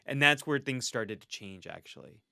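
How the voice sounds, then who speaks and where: A man's voice: medium pitch, expressive, moderate pace, gravelly, pushed and bright, no echo, clean studio sound. A man, a clinical psychologist, telling a personal story in a candid interview. He speaks earnestly and reflectively, and laughs often between thoughts. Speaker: clinical psychologist, podcast guest.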